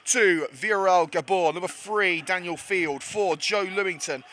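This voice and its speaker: A man's voice: sits high, a little slow, sharp tone. A man giving chatty live commentary on a club football match, slightly out of breath. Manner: chatty, self-deprecating, with frequent fillers.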